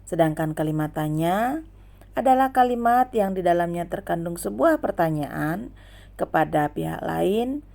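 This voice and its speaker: A woman's voice: lowish voice, animated, measured pace, vocal fry, warm tone. A young adult woman teaching a grammar lesson, listing examples one by one.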